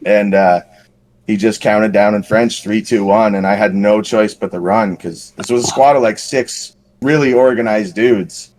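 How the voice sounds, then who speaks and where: A man's voice: on the low side, steady tone, moderate pace, darkish tone. A man on a podcast casually telling a long paintball story, rambling and self-deprecating with lots of fillers. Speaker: podcast co-host.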